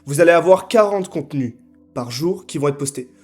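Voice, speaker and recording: A young man giving a scripted sales pitch to camera, assertive and punchy, often tagging his sentences with quick check-ins. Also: lively intonation, a little mellow, faint music behind. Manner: assertive, punchy, frequent tag questions. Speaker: marketing consultant.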